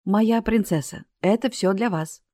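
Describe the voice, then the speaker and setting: A woman voicing a gentle devoted young man. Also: mid-range voice, a little slow, dry recording, clean studio sound, lightly acted. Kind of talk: audiobook character reading.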